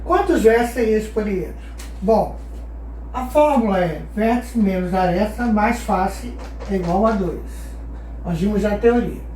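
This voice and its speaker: This math teacher's mid-range voice is expressive, warm and a little slow as she walks through geometry, patiently asking the class questions and answering them herself. The recording has an echoey room, a far-off mic and slight background noise.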